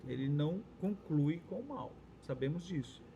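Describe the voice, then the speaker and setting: A man's voice: a little high, expressive, moderate pace, gravelly, warm tone, slight background noise. A Brazilian man co-hosting a Bible study dialogue, agreeing often and adding his own points. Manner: affirming, chimes in with agreement and adds points. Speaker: church co-host.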